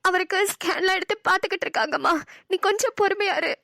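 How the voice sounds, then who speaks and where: Fields: Sex: female performer. Figure: a woman voicing a calm, caring middle-aged mother in a cartoon. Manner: soothing. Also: very high-pitched, fast talker, no echo, studio quality, full character voice. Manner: soothing, reassuring.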